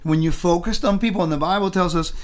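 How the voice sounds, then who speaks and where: A man's voice: high voice, quick pace. A man talks as a pastor in conversation. He is earnest and emphatic, often making his point with rhetorical questions. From born in Puerto Rico, grew up in California. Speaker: pastor and podcast host. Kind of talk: conversational ministry talk.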